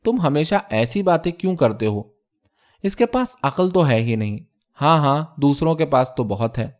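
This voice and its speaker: A man reading a storybook voices a sharp-tongued, scolding middle-aged mother. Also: fairly high pitch, lively intonation, close to an everyday voice.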